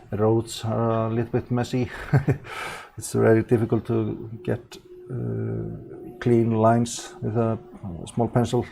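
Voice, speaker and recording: An Icelandic man chatting casually on a live stream as he paints, halting and correcting himself often, with frequent small chuckles. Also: on the low side, gravelly, mellow, a little hiss or hum. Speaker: livestreaming painter.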